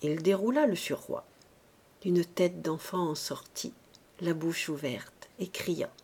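A woman narrating a classic novel in a measured, expressive reading style. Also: lowish voice, slightly rough. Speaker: audiobook narrator. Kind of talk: scripted literary narration.

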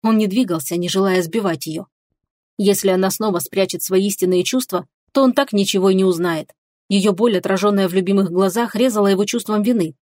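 A woman narrating an audiobook in an expressive storytelling manner. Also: medium pitch, a little fast, dry recording, studio quality.

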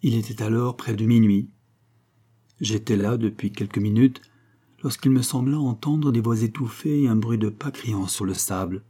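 A man narrating a classic novel as an audiobook in a measured, steady storytelling manner. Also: lowish voice, slightly rough. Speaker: audiobook reader.

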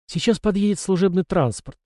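A man reading an audiobook voices a smug, self-satisfied middle-aged male police investigator in a raised, louder voice. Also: sits high, brisk, dry recording, studio quality, voice pushed up, lightly acted.

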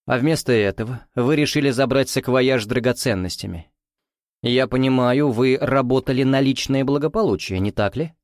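A man's voice: medium pitch, moderate pace, dry recording, clean studio sound, lightly acted. Man doing a smug secret-order boss, drawling and mocking, audiobook. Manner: reproachful drawl, condescending. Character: suave, smug male lodge commander, mocking.

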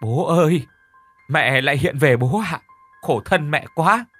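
A man's voice: a little high, animated, measured pace, a bit bright, dry recording, soft background music, voice pushed up. A man doing a tearful young woman.

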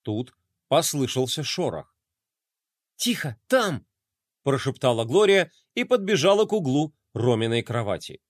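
Lively male storyteller, dry studio sound. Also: medium pitch, moderate pace, no room sound. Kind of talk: children's audiobook narration.

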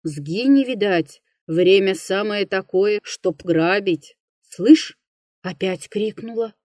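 A woman doing a curt, gruff young hunter. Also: mid-range voice, slow pace, a little mellow, no echo, clean studio sound, lightly acted. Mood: urgent. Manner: curt, commanding, irritable.

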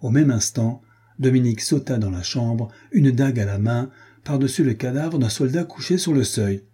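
A man narrating an adventure novel in a steady storytelling delivery. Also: mid-range voice, moderate pace, breathy edge. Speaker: audiobook narrator. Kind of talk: audiobook narration.

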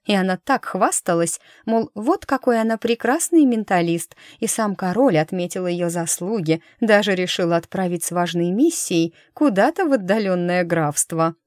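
A woman reading a lively, teasing young woman in an audiobook, quick and emotional in her lines. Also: lowish voice, no echo, studio quality, close to an everyday voice. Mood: chatty.

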